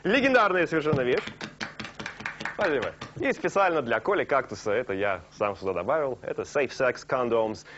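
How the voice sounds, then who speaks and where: A young man hosts a late-night TV show from a studio sofa, trading playful live banter in a joking, teasing, animated way. His medium-pitched voice moves at a moderate pace against a noisy background, captured on dull lo-fi broadcast tape.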